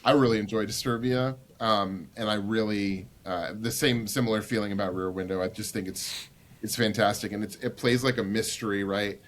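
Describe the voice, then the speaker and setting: A man in his thirties with a fairly low voice, talking casually as a podcast co-host. His thoughts wander along, strung together with plenty of "like". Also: fairly even intonation, normal speed, slight background noise. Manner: loose, meandering, many "like" fillers. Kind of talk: casual chat.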